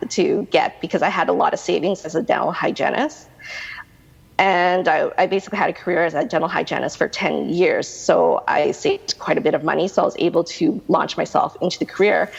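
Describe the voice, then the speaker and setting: A woman's voice: fairly low pitch, gravelly, husky, in a large hall, muffled recording. A woman in her thirties with a Canadian accent, answering interview questions in a chatty, rambling way full of restarts and fillers. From Canada, Manitoba. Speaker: guest, realtor.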